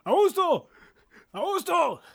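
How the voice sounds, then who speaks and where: A man doing a shrill panicky old farmer. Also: sing-song, slow pace, gravelly, fairly bright tone, full character voice. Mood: alarmed. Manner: shrill, frantic, stammering.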